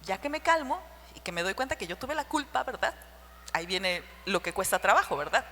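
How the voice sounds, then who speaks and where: A woman preaching a sermon to the women of her church, with a shrill voice, sharing personal stories and asking the listeners rhetorical questions. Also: lively intonation, fairly quick, bright, forceful tone. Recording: church hall reverb with faint hum.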